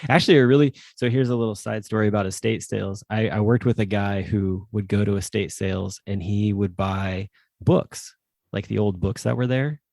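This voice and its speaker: A man co-hosting a relaxed chat show, telling stories in a loose, rambling way. His voice sits low with a gravelly edge. The sound is dry and close to the mic. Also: normal speed, no echo. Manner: rambling storyteller, many fillers and restarts. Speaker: podcast co-host. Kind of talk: casual chat.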